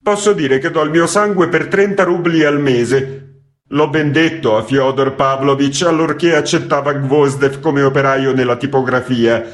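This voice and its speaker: A man voicing a contrite, talkative male typesetter who rambles and pleads loudly. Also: mid-range voice, steady tone, normal speed, pitched above the performer's own voice, lightly acted. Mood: pleading.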